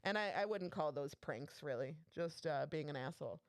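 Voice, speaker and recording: Laughing, animated young woman telling stories. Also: low-pitched, moderate pace, no room sound, studio quality. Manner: animated storyteller, laughs often, swears freely. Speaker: podcast co-host. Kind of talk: casual chat, storytelling.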